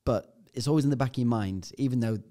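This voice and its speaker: A man's voice: mid-range voice, fast talker, mellow. Man, podcast guest, mid-range voice, vivid and blunt storyteller. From United Kingdom. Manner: vivid storyteller, swears freely. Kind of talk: casual chat, anecdote.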